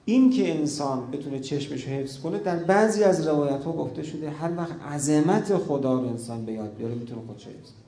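A man preaching a religious sermon, telling stories with feeling and dropping to a hush at key moments. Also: on the high side, lively intonation, echoey room, slight background noise. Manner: emotive storytelling, drops to a hush at key moments.

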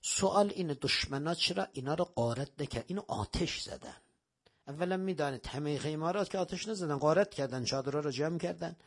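A man preaching a sermon, telling religious stories dramatically, swinging between raised exclamations and hushed lines. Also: fairly high pitch.

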